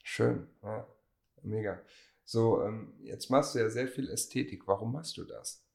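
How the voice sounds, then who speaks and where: A man's voice: on the low side, a little slow, vocal fry, a little mellow. A man interviewing a guest on a podcast, joking and laughing often.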